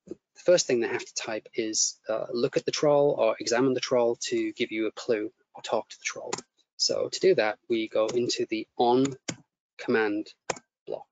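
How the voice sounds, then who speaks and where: A man gives a live coding tutorial, talking through each step while keyboard clicks tap away behind him. The audio is dull and lo-fi, with a faint hiss underneath. His pitch sits in the middle range. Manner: explains step by step while typing, repeats words. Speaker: teacher demonstrating coding. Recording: muffled lo-fi audio with faint noise.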